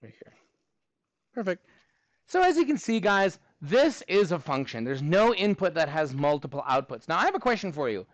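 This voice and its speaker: A middle school math teacher with a Texan accent and a voice that sits high for a man teaches in a school classroom, chatting and joking with students between problems. His pitch swings widely at a moderate pace, and the sound is dry and close with no echo.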